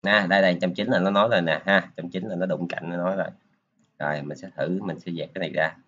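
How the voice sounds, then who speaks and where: Deep-voiced man teaching. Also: steady tone, fast, fairly bright tone, breathy edge, dull audio. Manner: casual, talks while clicking through steps, many filler particles. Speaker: programming teacher. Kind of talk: screen-recorded coding tutorial.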